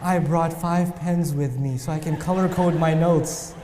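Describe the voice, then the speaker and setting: A man acting out a quiet, bookish intellectual friend who speaks softly and earnestly, recorded in a reverberant hall. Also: fairly high pitch, fairly even intonation, natural voice. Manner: soft, earnest, measured. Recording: reverberant hall with faint noise.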